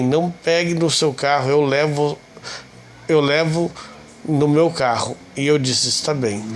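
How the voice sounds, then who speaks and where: A man reading a translated sermon aloud, telling a testimony in a steady, measured way. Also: fairly high pitch.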